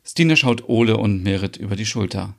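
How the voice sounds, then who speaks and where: A man's voice: on the low side, fairly quick, creaky. A man narrating the stage directions of an audio drama in a plain, matter-of-fact way.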